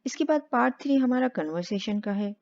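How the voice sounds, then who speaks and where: A woman teaching spoken English step by step, patient and slow on the English examples. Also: on the high side, expressive, darkish tone. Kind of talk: explaining spoken English lesson. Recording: dull lo-fi sound.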